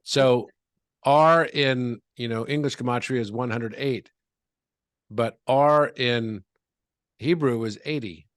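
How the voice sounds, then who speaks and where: A man with a mid-pitched voice who is a guest in an interview. He explains calmly and patiently, walking through examples one step at a time. The sound is dry, with no room echo. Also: slow, long pauses.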